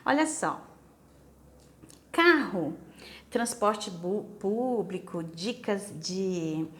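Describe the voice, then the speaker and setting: A woman's voice: mid-range voice, animated, extremely slow, a bit bright. A Brazilian woman teaching English to senior students, speaking with a Brazilian Portuguese accent, patiently saying each word several times and asking the class to repeat.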